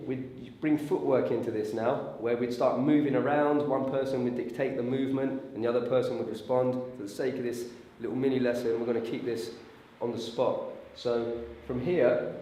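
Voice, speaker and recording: A man with a hoarse, raspy voice from a sore throat gives an informal, hands-on martial arts lesson as the instructor, checking in as he explains. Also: medium pitch, warm tone. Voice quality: raspy, strained voice. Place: echoey indoor training room. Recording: very echoey room with faint noise.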